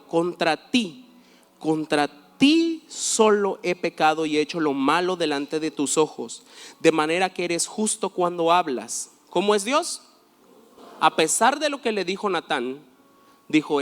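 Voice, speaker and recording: Male pastor, fairly high voice, animated storytelling sermon, long hall reverb.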